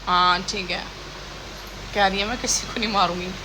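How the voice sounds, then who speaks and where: A woman's voice: mid-range voice, steady tone, moderate pace, sharp tone, slight background noise. A young woman, a mother, chatting casually in a home vlog and scolding her children now and then. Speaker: vlogger and mother. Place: home kitchen and rooms.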